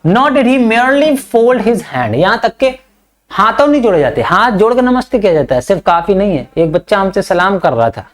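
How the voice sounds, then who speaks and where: A male teacher giving a Hindi-medium English lesson. He reads English lines slowly and then explains them in chatty Hindi, with fatherly, scolding asides to his students. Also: high voice, very animated.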